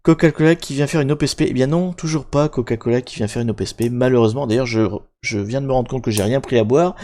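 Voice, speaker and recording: A man's voice: mid-range voice, a little mellow. A young man hosting a live stream, chatting casually and rambling with many fillers and self-mocking asides. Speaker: livestream host. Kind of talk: casual live-stream chat explaining hacking.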